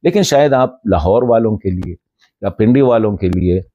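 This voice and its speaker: A man's voice: lowish voice, expressive, no echo, lo-fi sound. A man from northwest Pakistan giving a commentary, speaking straight to a colleague with rhetorical questions and respectful reproach. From Khyber Pakhtunkhwa, Pakistan. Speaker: journalist and commentator. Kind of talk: direct-address commentary video.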